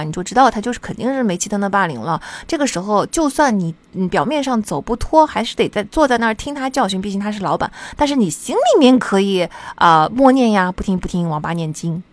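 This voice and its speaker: A woman hosting a solo podcast on psychology, talking in an earnest, chatty way with lots of soft sentence particles as she gives advice. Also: mid-range voice. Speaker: podcast host.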